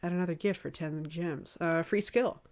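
A woman streamer giving casual, chatty commentary while she plays a game, reacting with quick exclamations. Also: fairly low pitch, a little mellow.

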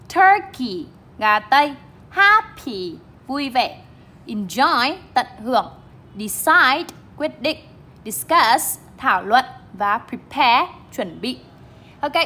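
A young female English teacher with a bright, clear voice, pitched a bit higher than most women's, explains word stress in a bilingual classroom style. She emphasizes the stressed syllables heavily as she models each word, and there's a little hiss or hum in the recording.

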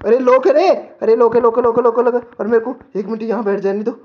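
A man's voice: very high-pitched, fairly even intonation, fast talker, dull audio. A man commenting as he plays a horror game, jumpy and panicky, talking to himself. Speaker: gamer.

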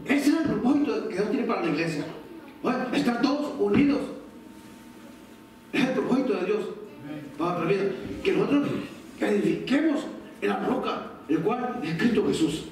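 A man's voice: high-pitched, animated, normal speed, long pauses, a little mellow. A man preaching a sermon as pastor, speaking conversationally and acting out short quoted family exchanges. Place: church sanctuary. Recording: distant mic in echoey church hall.

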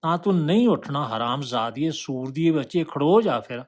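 A man's voice: a little high, lively intonation, normal speed. A man voicing a harsh male pimp who barks orders and then coaxes. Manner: barking, then coaxing.

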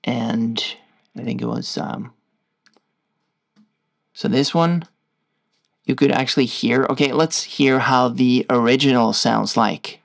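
A man with a Norwegian accent, casually walking viewers through a software tutorial in a loose, stop-start way. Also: mid-range voice, slow, vocal fry, pauses often. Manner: loose, stop-start explaining while clicking through screens. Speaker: tutorial host.

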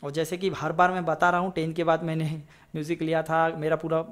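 A man's voice: fairly high pitch, monotone, a little fast, a bit bright. A man teaching a casual flute lesson, chatty and rambling, often checking in with his students. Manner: chatty, rambling, digresses into advice; repeats "ठीक है?" to check in. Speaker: music teacher.

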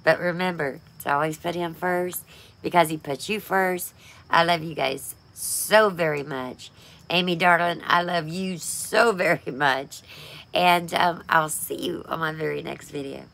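Low gravelly-voiced woman vlogging. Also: steady tone, a little slow. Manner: emotional, rambling, warm thanks with many fillers. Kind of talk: casual heartfelt vlog chat.

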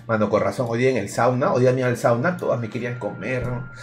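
A man's voice: mid-range voice, steady tone, fast talker, slight background noise. A man with a Peruvian accent, tipsy and rambling in crude, joking casual chat as a livestreamer. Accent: Peruvian Spanish. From Peru. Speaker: streamer.

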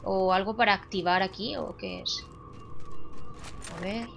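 A young woman from Spain with a Spanish accent, giving excitable, swearing commentary while playing a shooter at home. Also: medium pitch, a little slow, creaky. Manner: excitable, swearing, shouting at enemies. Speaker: gaming vlogger. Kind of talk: live gameplay commentary. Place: home room. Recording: game music under voice.

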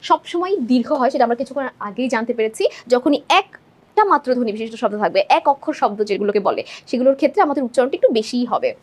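Rapid-fire and lively in intonation, this young female teacher's voice is on the high side. She walks her students through multiple-choice exam answers one step at a time, frequently pausing to check in with them.

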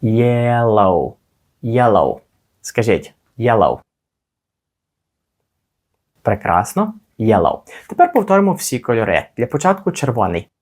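A man teaching children simple English words slowly, encouraging them and pausing so they can repeat. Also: mid-range voice, sing-song, darkish tone. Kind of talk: slow, clear language lesson for kids.

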